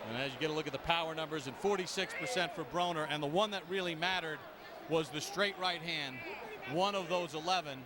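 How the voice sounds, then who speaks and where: High-pitched male boxing play-by-play commentator. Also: fairly quick. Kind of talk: live sports commentary. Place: ringside at a boxing arena. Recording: noisy arena ambience.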